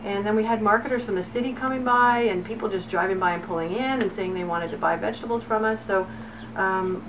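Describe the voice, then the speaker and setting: A middle-aged woman talks about her farm in an easy, enthusiastic way, stopping often for "um" and "you know". She sits some way from the microphone, and steady background noise runs under her voice. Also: medium pitch. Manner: enthusiastic, chatty, many fillers. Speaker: farm owner. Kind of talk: casual interview storytelling. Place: outdoors on a farm. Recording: distant mic with background noise.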